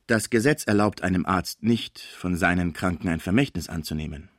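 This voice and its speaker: A man's voice: sits low, no echo, studio quality, close to an everyday voice. A man voicing a cautious, formal male doctor in an audiobook. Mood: measured. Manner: measured, formal. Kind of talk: audiobook character voice.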